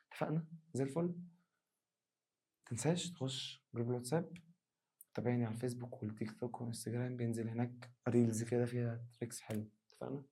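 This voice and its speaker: In a hoarse, worn voice and an Egyptian Arabic accent, a science teacher talks quickly through an energetic exam review. When he imitates a student pleading for help, his voice jumps up loud and high. He keeps the whole lesson lively and animated.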